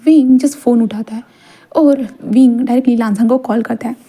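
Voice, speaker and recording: A woman's voice: on the high side, steady tone, moderate pace, warm tone, husky. A woman casually retelling a fan-fiction story and switching voices for each character.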